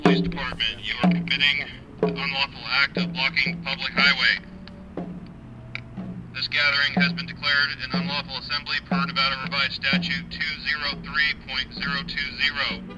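A male police officer reading a formal dispersal order in an official, blaring voice amplified through a loudspeaker outdoors. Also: mid-range voice, little pitch movement, normal speed, lo-fi sound, over loud music. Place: outdoors on a roadway.

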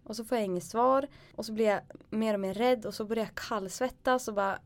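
A woman's voice: fairly high pitch, dry recording. Young woman telling a spooky story. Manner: animated, acts out her own past lines. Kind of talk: casual storytelling chat.

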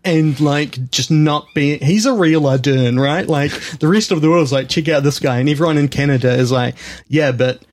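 Male podcast co-host, slightly higher voice, casual rambling banter with jokes. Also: normal speed, a little hiss or hum. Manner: rambling, jokey, with frequent laughs and restarts. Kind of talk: casual film podcast chat.

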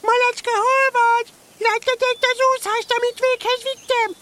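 A woman playing an excited little baby kangaroo in a children's audio drama, squealing and eagerly showing off. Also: extremely high pitch, slight background noise. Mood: proud excitement.

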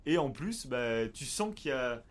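A man co-hosting a casual podcast chat, animated and quick to laugh, recorded in a mountain refuge. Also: medium pitch. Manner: animated, chatty, laughs easily. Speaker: podcast co-host.

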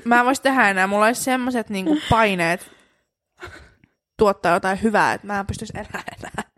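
A woman co-hosting a podcast in casual chat, gushing and excitable. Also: medium pitch. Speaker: podcast co-host.

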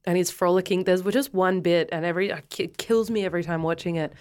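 A woman's voice: on the low side, fairly even intonation, fast, a little mellow. An Australian woman co-hosting a podcast, chatting casually about music with a giggly, teasing manner. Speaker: podcast co-host.

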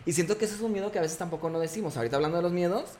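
A man's voice: high voice, rapid-fire, darkish tone, a little hiss or hum. A man co-hosting a casual podcast, giving reassuring advice in a conversational way. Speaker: podcast co-host, wedding planner.

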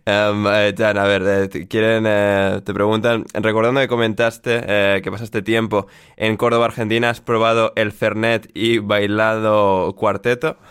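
A man from Spain hosting a casual podcast, relaxed with dry humor, reading out listener questions. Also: fairly low pitch, measured pace, few pauses, smooth, dry recording. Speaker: podcast host.

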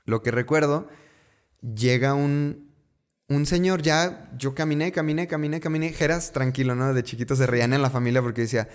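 A man's voice: medium pitch, fairly even intonation, normal speed, clean tone. A man from Mexico with a Mexican accent, telling a personal story in a casual, conversational way, repeating words for emphasis and dropping slangy asides.

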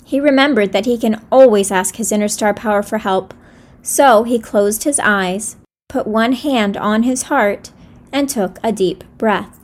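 Gentle woman reading a children's story. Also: medium pitch, a little slow.

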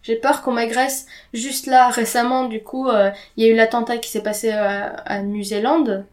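In a level tone at a normal pace, a young woman with a voice on the high side talks frankly about her own life as a podcast guest. Arabic is her native language, and her casual, slang-filled speech includes occasional English words.

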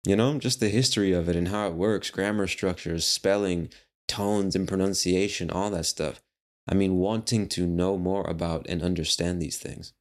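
A man's voice: low-pitched, normal speed. A man hosting a casual solo podcast, talking in a rambling, playful way with the odd swear word. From United States. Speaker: podcast host.

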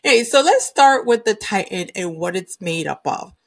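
A woman hosts her own podcast, chatting casually about the news. She rambles a little, leaning on fillers, and her pitch sits in a middle range. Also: lively intonation, moderate pace. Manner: chatty, uses many fillers like um and you know. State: recovering from a cold and sinus infection. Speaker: podcast host. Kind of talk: casual solo podcast talk.

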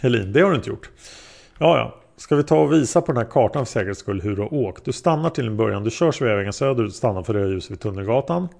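A man's voice: medium pitch, animated, gravelly, darkish tone. A man voicing a male prosecutor who questions a witness step by step, in a methodical way. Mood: probing.

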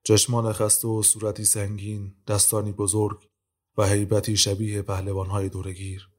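A male narrator reads a scripted audio drama. His voice sits low and holds a narrow, even line. He tells the story at a steady, measured pace.

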